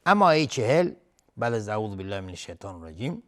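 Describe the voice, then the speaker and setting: A man teaching Quran recitation on a television lesson, switching between slow chanted verses and brisk spoken explanations of pronunciation rules. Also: lowish voice, sing-song.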